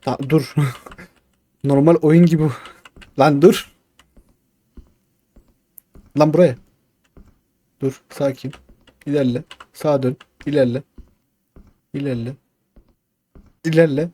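Slow and mellow, with frequent pauses, a young man talks to himself as he plays a game for his YouTube channel, alternately sweet-talking and swearing at it. His voice is fairly high and steady in tone.

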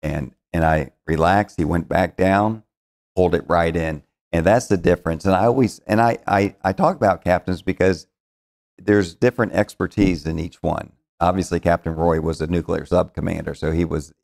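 A middle-aged man with a low, gravelly voice talks in a TV studio interview. He tells stories in a rambling way, restarting his sentences and acting out the lines he quotes. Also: a little mellow. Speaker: financial planner, show founder. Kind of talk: casual studio interview storytelling.

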